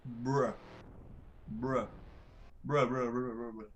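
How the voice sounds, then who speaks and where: A man's voice: mid-range voice, level tone, extremely slow, slight background noise. A man giving casual gameplay commentary, rambling with lots of fillers and crude swearing. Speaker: gaming youtuber.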